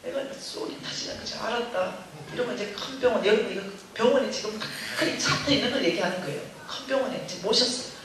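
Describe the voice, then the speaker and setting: A woman's voice: fairly high pitch, fast, few pauses, noisy background. A woman giving a humorous testimony at a church revival, telling her story with lots of laughter and acted-out dialogue. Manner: animated storytelling, laughing often, acting out dialogue. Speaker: guest speaker at a church revival. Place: church sanctuary. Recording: echoey church hall from far off.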